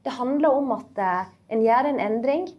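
A woman's voice: on the high side, a little mellow. A woman co-hosting a podcast, giving earnest, encouraging advice in a casual chat. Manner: earnest and encouraging, explains firmly. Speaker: podcast co-host.

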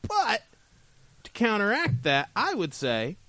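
A man's voice: high-pitched, huge pitch swings, takes it slowly, pushed and bright, no room sound. A man co-hosting a podcast, chatting casually with jokes and plenty of swearing. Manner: joking, profane, rambling. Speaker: podcast co-host. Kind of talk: casual comedic chat.

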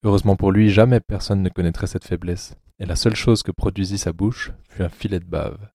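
A man narrating an audiobook-style drama in a measured, sombre reading. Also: sits low, steady tone, mellow, husky, dry recording, studio quality.

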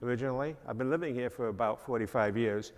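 An older man from Long Island, New York, talks fast in a mid-range voice in an echoey church sanctuary. He's the guest minister giving an informal address that wanders, leans on fillers, and makes fun of himself, all under the long reverb of a church hall.

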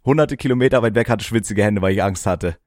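A man's voice: lowish voice, fast, a little mellow. A young man co-hosting a podcast, joking crudely and teasing his friend in casual chat. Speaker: podcast co-host.

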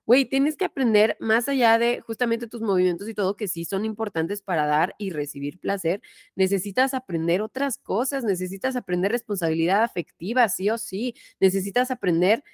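A woman's voice: medium pitch, fairly quick, no echo, studio quality. A woman with a Mexican accent hosting a podcast, talking emphatically and bluntly and swearing freely. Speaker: podcast host. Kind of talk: casual chat.

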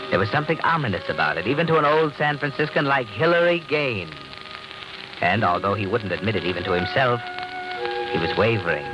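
A man's voice: lowish voice, close to an everyday voice, poor audio. Man as ominous radio suspense storyteller over music. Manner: brooding, knowing, deliberate. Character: ominous all-knowing male storyteller of crime tales. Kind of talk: 1940s radio suspense narration.

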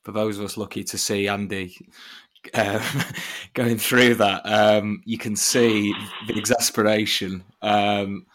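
A man on a football podcast panel, speaking calmly and hesitantly. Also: on the low side, slow. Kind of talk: casual football podcast chat.

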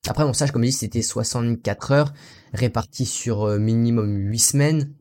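A young Frenchman who teaches English tells his story casually in an interview, rambling and frequently dropping in "you know" and "so." His mid-range voice is a little mellow and moves at a normal speed.

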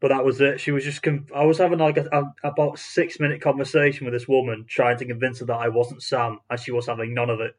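A man's voice: mid-range voice, flat delivery, fast, hardly any pauses. A man hosting a podcast, telling a story in casual chat with many restarts and fillers. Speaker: podcast host.

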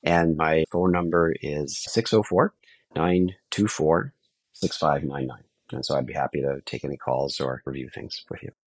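A man answering as a podcast guest, explaining in a measured, informal way. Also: very deep voice, fairly even intonation, no echo. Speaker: podcast guest, estate lawyer.

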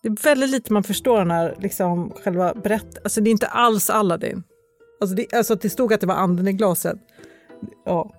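A woman's voice: mid-range voice, soft background music. A woman reading a fairy tale aloud, breaking off into irreverent, swearing asides that mock the story.

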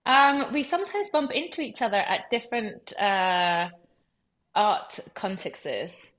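A woman in her thirties, born in Peru and raised in Los Angeles and London, talking as a guest in a relaxed interview, chatty with lots of fillers and easy laughs. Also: medium pitch, slow. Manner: chatty, many fillers and likes, laughs easily. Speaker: guest curator.

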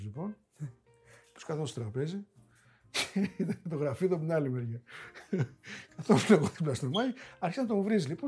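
A man who is a podcast guest, telling stories in a casual, animated way with frequent asides. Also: fairly high pitch, breathy edge. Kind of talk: casual storytelling interview.

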